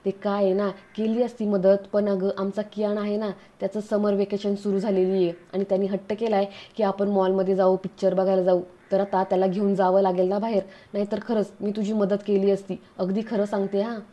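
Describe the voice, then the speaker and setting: A woman's voice: mid-range voice, little pitch movement, fairly quick, hardly any pauses, dark tone, dull audio, close to an everyday voice. A woman voicing a sly, talkative neighbor who chatters on and makes excuses.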